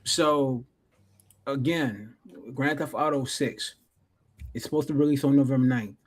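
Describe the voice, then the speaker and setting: Man, mid pitch, slangy, easygoing, podcast co-host. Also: a little slow. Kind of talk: casual podcast chat.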